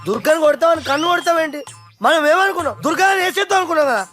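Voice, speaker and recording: An actor playing an excitable henchman who eggs on the gang in broken English. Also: extremely high pitch, very fast, over music.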